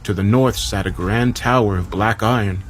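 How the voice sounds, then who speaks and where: Low-voiced man narrating a horror story. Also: a little hiss or hum. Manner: measured, dramatic first-person storytelling.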